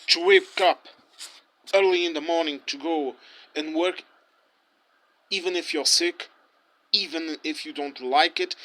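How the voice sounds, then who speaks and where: Speaking English rather than his native Portuguese and German, a male interviewee rants heatedly in a street interview, often starting over mid-thought. His fairly high voice is bright and forceful as he delivers his impassioned opinion.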